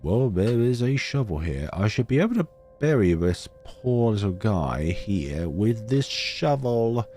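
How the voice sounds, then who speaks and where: A man's voice: fairly low pitch, very animated, measured pace, hardly any pauses, warm tone, soft background music. A man streaming a game, mixing commentary with theatrical read-aloud of the text.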